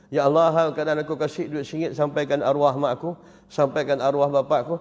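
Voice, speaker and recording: A man's voice: fairly high pitch, little pitch movement, brisk, darkish tone, voice pushed down, natural voice. A preacher doing a man muttering pleading prayers. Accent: Malaysian Malay. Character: ordinary man murmuring prayers at a donation box. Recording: long reverb of a mosque hall.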